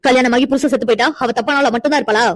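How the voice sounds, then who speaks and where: A woman's voice: sits high, rapid-fire, no room sound. A woman voicing a defiant young woman in a cartoon, indignant and lecturing as she defends her friend. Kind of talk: cartoon voice acting.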